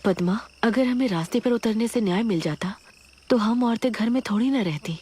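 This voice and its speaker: An earnest troubled wife. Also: female voice, on the high side, normal speed, warm tone, husky. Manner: earnest, pleading. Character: troubled wife of the village moneylender. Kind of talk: Hindi film dub.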